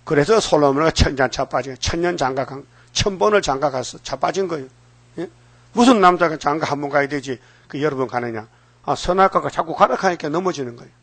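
A man's voice: on the high side, fairly quick, a bit bright, no echo. An older man preaching a sermon, firing rhetorical questions at the congregation and acting out quoted voices. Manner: dramatic, acts out quoted voices. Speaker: pastor.

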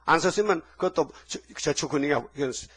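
Husky-voiced man preaching with fervor. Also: a little high, quick pace, fairly bright tone. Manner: fervent, scolding, full of rhetorical questions to the congregation. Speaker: pastor. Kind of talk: sermon.

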